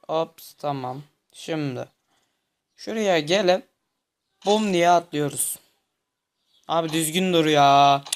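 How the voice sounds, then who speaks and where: A man's voice: fairly high pitch, slow pace, pauses often. A young man commenting on a game he is playing, muttering to himself, tense and easily frustrated. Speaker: gameplay commentator. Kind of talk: gameplay commentary.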